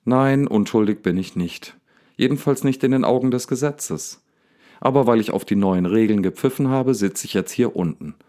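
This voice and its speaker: A man reading a storybook, voicing an agitated young man shouting indignantly at a lion. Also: fairly low pitch, lively intonation, a little slow, pitched above the performer's own voice. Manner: angry, indignant outbursts. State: slightly hysterical.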